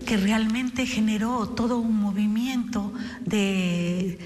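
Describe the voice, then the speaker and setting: A woman interviewee speaking in a hesitant, halting way. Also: medium pitch, fairly even intonation, darkish tone. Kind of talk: interview soundbite. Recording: reverberant space with faint music.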